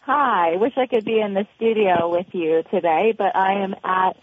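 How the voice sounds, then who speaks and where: A woman speaking as a guest in a phone interview, choosing her words carefully with halting pauses. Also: mid-range voice, slightly rough. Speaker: interview guest, local parent. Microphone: telephone. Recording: tinny, narrow telephone line.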